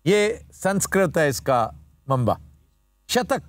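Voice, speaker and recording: Lively, high-voiced man. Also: takes it slowly, dry recording, studio quality. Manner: explanatory, lecturing, formal Urdu vocabulary. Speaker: host. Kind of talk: talk show word-origin explanation. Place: TV studio.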